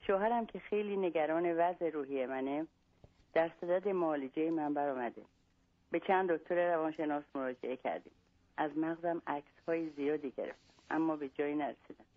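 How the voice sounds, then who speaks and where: A woman from Iran, a guest humor writer, reading her own comic story aloud on a radio show by phone. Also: low voice. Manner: storytelling, wry. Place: northern California, on the phone. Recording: tinny phone line.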